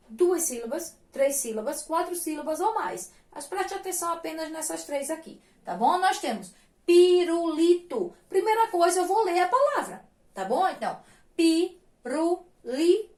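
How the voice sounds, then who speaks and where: A woman teaching young children with a Brazilian Portuguese accent, patient and sing-song, spelling syllables out slowly. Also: very high-pitched, big pitch swings, echoey room. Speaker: primary school teacher. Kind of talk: recorded lesson for young children.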